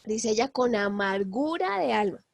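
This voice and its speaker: A woman's voice: on the high side, big pitch swings, normal speed, vocal fry, dry recording. Hesitant woman teaching Bible class. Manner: hesitant, many fillers and tag questions. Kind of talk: Bible lesson.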